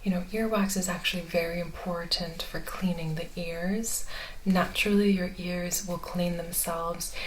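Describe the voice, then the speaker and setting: A woman in a soft, mostly soft-spoken ear-exam ASMR role-play, gently explaining each step as the clinician. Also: on the low side, steady tone, moderate pace, slight background noise, poor audio.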